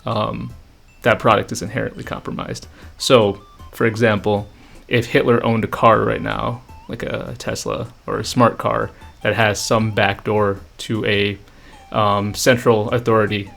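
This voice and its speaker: Low gravelly man with flat delivery. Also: soft background music. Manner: opinionated, measured, frequent "um" and "I think". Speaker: gaming channel host. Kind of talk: unscripted casual commentary.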